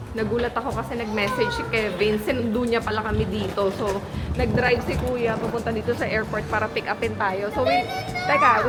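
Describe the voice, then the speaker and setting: A Filipino woman with a Filipino accent chatting casually to the camera in a travel vlog, mixing English and Tagalog. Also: mid-range voice. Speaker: vlogger.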